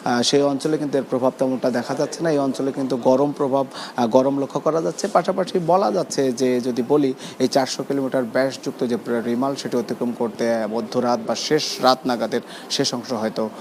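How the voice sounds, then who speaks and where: A man's voice: mid-range voice, steady tone, fairly quick. A man with a Bangladeshi accent giving an unscripted live news update in wordy, looping explanations. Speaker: special correspondent.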